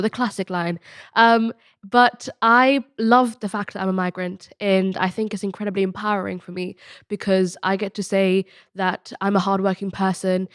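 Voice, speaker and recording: Earnest teenage girl with a smooth, crisp voice. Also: medium pitch, dry recording, studio quality. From born in Bangladesh, grew up in Spain. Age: late teens. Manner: earnest, fluent, with frequent restarts and ums. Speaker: podcast guest, student mentor. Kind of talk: podcast interview, personal story.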